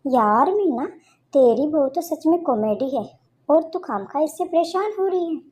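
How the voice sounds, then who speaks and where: A woman's voice: sits high, animated, measured pace, dark tone, voice pushed up. A woman voicing a gossipy, nosy middle-aged neighbor in a cartoon story.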